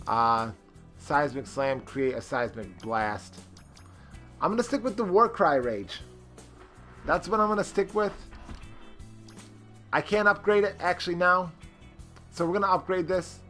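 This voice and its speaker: A man's voice: high-pitched, a little slow, pauses often, bright, forceful tone, faint music behind. A man streaming a character-creation game, rambling with lots of fillers and greeting chat viewers. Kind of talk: casual live-stream commentary.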